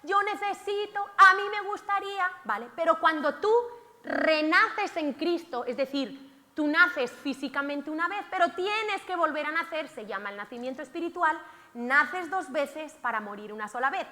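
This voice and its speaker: A woman's voice: high voice, expressive, moderate pace. A woman preacher giving a theatrical sermon in a church, acting out cries from the scripture. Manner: theatrical, shouts out acted cries of the lepers. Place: church hall. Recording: long hall reverb.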